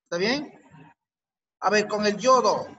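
A man's voice: sits high, measured pace, bright, forceful tone, lo-fi sound. A man teaching a chemistry class with a Peruvian Spanish accent, asking students questions and repeating their answers. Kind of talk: online class lesson.

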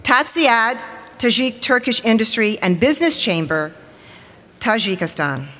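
Speaking from a stage lectern in a large hall, a TV weather reporter in her forties offers an upbeat formal welcome and rallies the crowd. Her slightly high voice has lively intonation and a measured pace, sounding pushed and bright through the lectern mic with long hall reverb.

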